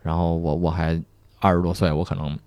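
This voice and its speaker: Fast-talking young man telling stories. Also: sits low, clear, resonant tone, dry recording. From China. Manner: soft-spoken, relaxed storytelling with frequent restarts. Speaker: guest, police officer. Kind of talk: casual podcast chat.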